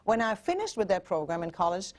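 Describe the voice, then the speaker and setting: Her medium-pitched voice is sing-song, a little fast and a little mellow. She's a relationship coach from Germany in her forties, with a German accent, speaking earnestly as a TV interview guest and often restarting or using fillers.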